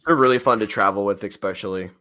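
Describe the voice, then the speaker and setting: A man's voice: lowish voice, fast, bright, forceful tone. A man chatting casually on a stream in a friendly way, often trailing off. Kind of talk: casual chat on a live stream.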